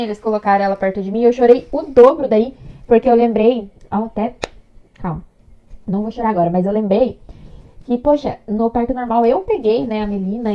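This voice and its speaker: Speaking in a fairly high pitch with a Brazilian Portuguese accent, the young woman recounts her birth to the camera in an emotional, talkative way, voicing the dialogue of others. The sound is lo-fi.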